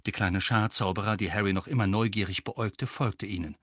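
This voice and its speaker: A man reading a storybook aloud as narrator, expressive and lively. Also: on the low side, fairly quick, no echo, studio quality. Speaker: audiobook narrator. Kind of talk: scripted narration.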